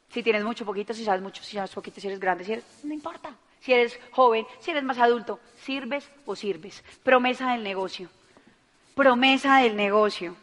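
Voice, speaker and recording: A woman speaks in a high, bright voice, pushing her points with emphatic rhetorical questions to a team. Her talk rings out with a long reverb tail, as if she stands in a large hall. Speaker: business speaker.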